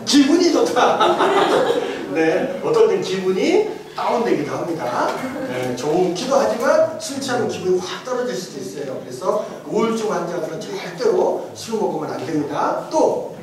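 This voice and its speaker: A middle-aged man, a pastor teaching his congregation, quizzing them with jokes and laughter, then building to emphatic shouted refrains. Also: high-pitched, very animated, normal speed, crowd noise. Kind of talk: interactive sermon teaching. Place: large church hall with congregation. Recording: echoey hall, distant mic, congregation audible.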